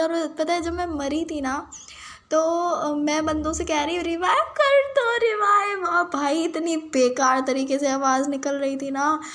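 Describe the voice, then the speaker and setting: Hoarse high-voiced woman gamer. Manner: playful, self-mocking chatter. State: hoarse, throat gone. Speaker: game streamer. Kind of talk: casual gameplay commentary.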